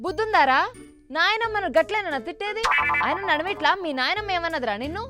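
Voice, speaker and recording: A woman's voice: extremely high pitch, lively intonation, quick pace. A woman, scolding and teasing in a comedy news skit. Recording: voice over background music.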